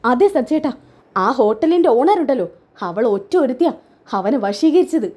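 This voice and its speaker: A woman's voice: high-pitched, animated, moderate pace, darkish tone. A woman reading as a hurt, bitter young wife. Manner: sobbing, bitter, defiant complaints.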